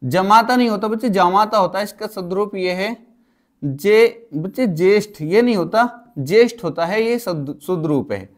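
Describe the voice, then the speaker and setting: A man's voice: high-pitched, lively intonation, moderate pace. A male teacher giving an exam-prep spelling lesson, steadily explaining and calling his students "kids" again and again.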